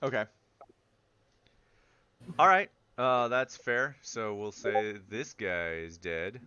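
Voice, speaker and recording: A man improvising narration as game master of a tabletop game, in a halting manner. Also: fairly low pitch, lively intonation, bright, forceful tone, muffled recording.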